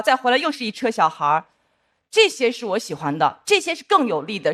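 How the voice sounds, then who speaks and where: Woman judge talking through what worked in a set, lively pitch, measured and thoughtful. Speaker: judge on a comedy show. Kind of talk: critique of a performance.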